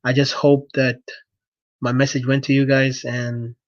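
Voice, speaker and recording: An activist from South Sudan rallies supporters in English, which isn't his first language, delivering a passionate unscripted speech full of repetition and earnest exhortation. His mid-range voice barely moves in pitch and keeps a measured pace; the recording has no room sound and lacks highs.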